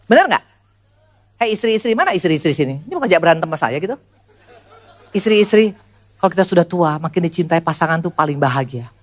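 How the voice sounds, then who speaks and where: Woman pastor in her sixties, church sermon, animated delivery, loud high call-outs and low quiet asides. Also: quick pace, long pauses. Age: 60s. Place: church service before a congregation.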